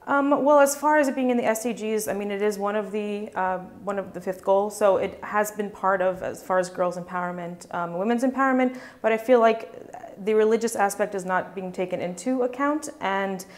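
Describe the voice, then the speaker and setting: A woman's voice: medium pitch, brisk, hardly any pauses. A woman answering interview questions in a casual, filler-heavy way. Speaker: workshop participant.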